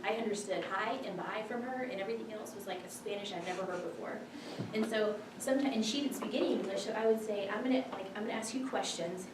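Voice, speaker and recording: A woman's voice: mid-range voice, fast talker, hardly any pauses, distant mic. A woman, a physician assistant, teaching a classroom lesson in a casual, chatty way, full of filler words. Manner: chatty, filler-heavy, many "like"s. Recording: echoey room from afar, background noise.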